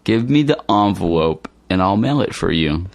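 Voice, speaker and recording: A man with a low, expressive voice reads everyday dialogues aloud at a normal pace for English learners, keeping his delivery plain and careful. It's slow, scripted dialogue reading, and the recording has no echo.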